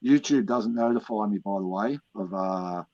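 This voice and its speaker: A man joining a live stream over a bad call connection that breaks up and sounds quiet, talking in a hesitant, halting way with fillers. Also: on the low side, dry recording. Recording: dull, lo-fi remote call audio.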